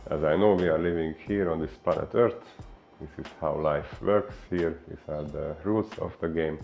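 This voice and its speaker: A man from Hungary with a Hungarian accent, a fitness coach giving an unhurried explainer talk full of filler pauses. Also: extremely low pitch, creaky, a little mellow, highs cut off, soft background music.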